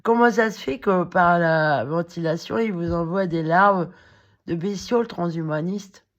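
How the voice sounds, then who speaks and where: A woman with a cracked, hoarse voice, rambling in a halting monologue to the camera, full of fillers and restarts. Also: fairly low pitch, dull audio. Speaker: vlogger.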